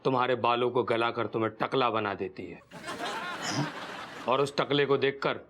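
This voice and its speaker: An actor playing a male doctor who takes gloomy delight in bad news, speaking in a deadpan, sing-song way. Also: medium pitch, moderate pace, noisy background, lightly acted. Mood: morbid.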